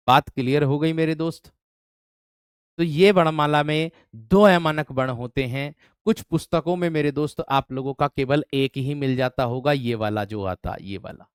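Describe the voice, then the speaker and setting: A man teaches a grammar class for exam candidates, his voice smooth and resonant. The sound is dry and close, with no room echo. He keeps asking the students whether they have followed, and he drags out single words as he writes them on the board. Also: medium pitch. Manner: repeats words slowly while writing on a board; asks the students frequent check-in questions. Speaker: Hindi teacher. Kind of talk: online exam-prep class.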